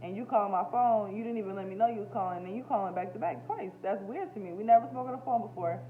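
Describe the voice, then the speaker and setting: Speaking fast and expressively in a mid-range voice, a woman from the United States rambles freely in her personal vlog, emotional, slangy and swearing often. She's a spiritual healer with a YouTube show, and the audio has a phone-quality sound.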